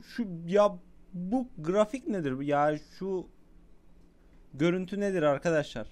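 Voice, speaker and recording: A young man giving casual gameplay commentary, chatting with viewers and shouting at the game when it gets tense. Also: on the high side, smooth. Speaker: gaming YouTuber.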